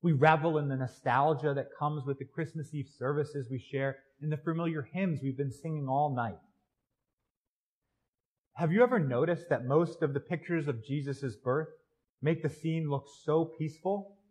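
A male priest delivers a sermon in a church. His voice sits on the higher side, and he talks in an easy, conversational way, often tagging lines with "right?". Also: moderate pace, darkish tone, poor audio.

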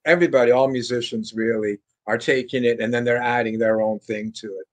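An older French guitarist, appearing as a guest over a video call from a room lined with bookshelves, tells stories in a casual interview. His mid-range voice runs a little fast, and his relaxed, rambling delivery is full of fillers and restarts.

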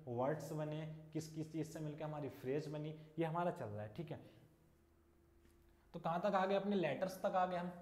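Guy teaching english basics, asks the class stuff and repeats it, slightly high voice, echoey room. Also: darkish tone. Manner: asks students questions and repeats the answers. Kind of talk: classroom English lesson in Hindi.

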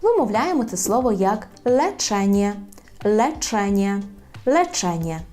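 A woman teaching a language in a video lesson, repeating words slowly and carefully. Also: mid-range voice, very animated, a little mellow, soft background music. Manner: slow, careful repetition of words.

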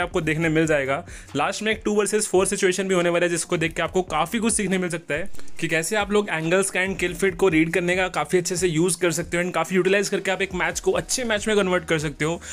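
A man's voice: sits high, fairly bright tone. A man hosting a gaming video, talking casually and mixing English words into his Hindi. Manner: chatty, mixes English into Hindi. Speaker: gaming channel host. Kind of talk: casual video intro talk.

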